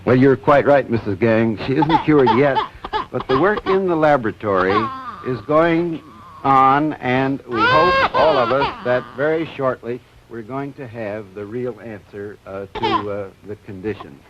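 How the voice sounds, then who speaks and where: A physician presenting medical research on a 1950s TV broadcast, explaining step by step with many hesitant "uh" fillers. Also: male voice, mid-range voice, big pitch swings, unhurried. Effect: 1950s TV broadcast sound. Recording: dull lo-fi old TV audio, faint hiss.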